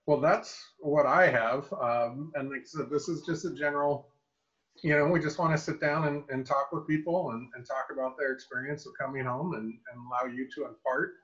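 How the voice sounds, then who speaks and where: A man's voice: medium pitch, fairly even intonation, moderate pace, a bit bright, dull audio. A man hosting a podcast interview on a call, loose and joking, asking questions with restarts. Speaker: podcast host. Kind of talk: casual video-call interview.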